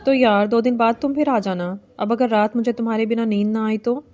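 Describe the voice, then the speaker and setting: Woman reading a young landlord husband, bossy and teasing, fairly high mellow voice. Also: steady tone, some chatter behind, natural voice. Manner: commanding, teasing. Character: domineering young male village landlord husband. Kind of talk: novel reading.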